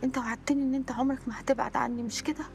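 A woman's voice: high voice, fairly even intonation, racing, gravelly, music in the background. A woman with an Egyptian accent playing a worried, pleading young wife in a TV drama. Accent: Egyptian Arabic. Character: anxious devoted young wife.

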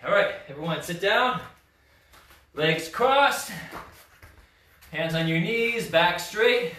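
A man's voice: high voice, expressive, slow pace, bright, forceful tone, a little hiss or hum. A man teaching a martial arts class, calling out commands and counts. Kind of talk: class instruction. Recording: echoey room, mic far off.

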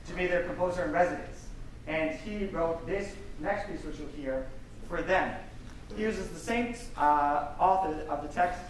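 Young man speaking far off in a hall. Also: a little high. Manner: informal, many fillers and restarts. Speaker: choir member introducing a piece. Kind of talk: spoken concert introduction. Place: large concert hall stage. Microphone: no mic, far camera. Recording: echoey hall from far off, noisy.

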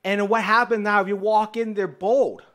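A man preaching a sermon, telling testimony stories in a lively, conversational way and speaking straight to the congregation. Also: high voice, moderate pace. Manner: lively storyteller, acting out dialogue; conversational, addresses the congregation directly.

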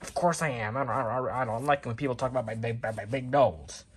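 A man voicing a cranky male squid who shouts whenever someone mentions his nose, in a plush toy parody skit. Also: mid-range voice, quick pace, slightly rough, lightly acted. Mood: grumpy. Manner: shouty and easily offended.

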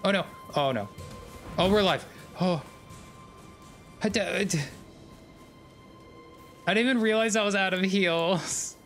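A man's voice: sits high, measured pace, pauses often, fairly bright tone, faint music behind. A man streaming a video game, commenting casually, swearing often and bursting into sudden screams. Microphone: desk microphone.

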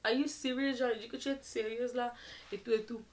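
A woman's voice: on the high side, level tone, brisk, darkish tone. A young woman telling a personal story in a casual storytime style, mixing English phrases in and leaning on fillers. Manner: chatty, mixes English phrases into French; leans on fillers like "genre" and "et tout et tout".

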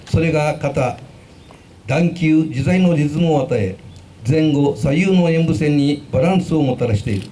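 A man's voice: fairly high pitch, normal speed, warm tone. A man giving formal, scripted narration as an announcer at a demonstration. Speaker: announcer explaining karate kata. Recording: noisy outdoor event recording.

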